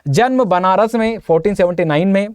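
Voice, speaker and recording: A man's voice: high voice, a little fast, clean tone, no room sound, clean studio sound. A man teaching an exam-prep lecture, keeps asking his students questions and answering them himself, with playful memory tricks. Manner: lively, uses memory tricks and jokes.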